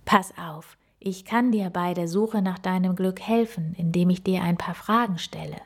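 A woman voicing a wise old female owl in a storybook reading, speaking calmly and gently. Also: fairly low pitch. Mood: gentle. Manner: calm, gentle and unhurried.

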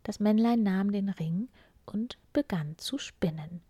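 Woman storyteller reading a fairy tale: slow, hushed, breathy, recorded dry. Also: mid-range voice, no room sound, muffled recording. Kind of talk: fairy tale read aloud.

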